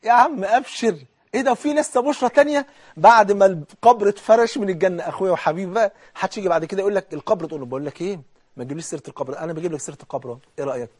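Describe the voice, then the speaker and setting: Fast, husky-voiced Egyptian preacher. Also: male voice, high voice. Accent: Egyptian Arabic. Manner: animated, swings between hushed and loud, acts out dialogue. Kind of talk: colloquial sermon.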